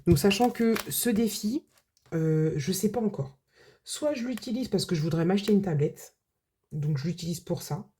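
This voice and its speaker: A woman's voice: lowish voice, normal speed, warm tone, a little hiss or hum. A woman budget vlogger chatting casually to her viewers, full of filler words and restarts. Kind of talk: casual vlog chat.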